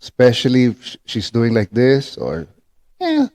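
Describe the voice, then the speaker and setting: Man, slow unhurried delivery, patient instructor, hands-on lesson to camera, repeats points, frequent tag questions. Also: mid-range voice, huge pitch swings, darkish tone. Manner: patient, repetitive, checks in with short tag questions. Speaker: ventriloquism instructor.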